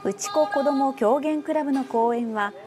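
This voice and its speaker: Higher-pitched woman reading the news. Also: moderate pace, music in the background. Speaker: news announcer. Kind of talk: scripted news narration.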